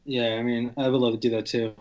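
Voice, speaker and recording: A man's voice: medium pitch, little pitch movement, quick pace, a little mellow. A man co-hosting a podcast, chatting casually and agreeably with short remarks and light laughs. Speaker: podcast co-host. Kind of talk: casual chat. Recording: slightly dull lo-fi audio.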